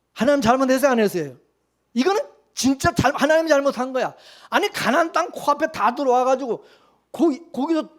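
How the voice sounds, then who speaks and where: A man preaching a sermon as the pastor, in a loose conversational way, constantly throwing questions back at the congregation. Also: extremely high pitch. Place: church.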